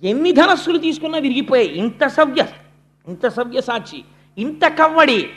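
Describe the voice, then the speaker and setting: A storyteller giving a devotional discourse on an epic. The telling is dramatic, rising loud and then dropping to a hush. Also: sits high, very animated, moderate pace. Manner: dramatic, swings between loud and hushed. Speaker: religious storyteller.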